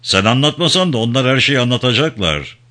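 Guy doing a sly interrogator cop, coaxing then threatening, bright edge. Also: medium pitch, very animated, brisk, pitched above the performer's own voice. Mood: coaxing, menacing. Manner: smooth persuasive pressure, raised voice. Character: cunning male state intelligence interrogator, coaxing and menacing.

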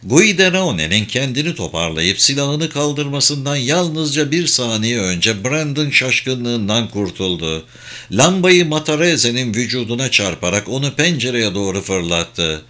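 A man reading a thriller novel aloud in a measured, dramatic narration. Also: mid-range voice, big pitch swings, bright, forceful tone. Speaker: audiobook narrator. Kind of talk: scripted audiobook narration.

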